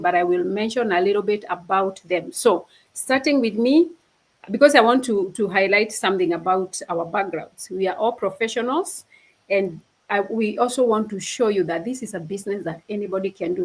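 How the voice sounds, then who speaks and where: A woman's voice: mid-range voice, breathy edge, poor audio. A woman from Kenya hosting a casual livestream over a video call, talking earnestly and often restarting her phrases. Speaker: host of a livestream.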